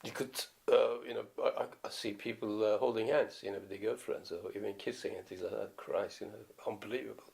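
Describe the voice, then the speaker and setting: A man from Turkey in his seventies, speaking accented English, reminisces for a documentary about being a violist, his stories meandering with fillers and restarts. His voice is lowish, darkish, and creaky, steady in tone, fairly quick, and almost without pauses.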